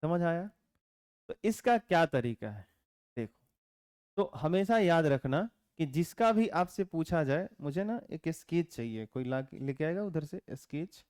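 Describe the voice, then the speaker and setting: A man teaches a class at a steady, patient pace. His voice is smooth and sits a little high, and the dry sound carries little room echo. He keeps asking his students whether they have understood. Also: a little slow. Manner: asks the class frequent check questions; calm explaining tone with teasing asides. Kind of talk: classroom lecture. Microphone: camera mic in classroom.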